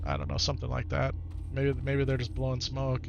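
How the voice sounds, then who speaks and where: Very animated and fairly quick, a Wisconsin man with an Upper Midwest accent chats casually with viewers over a live game, often repeating himself. His medium-pitched voice is gravelly, and the audio has its highs cut off plus background noise.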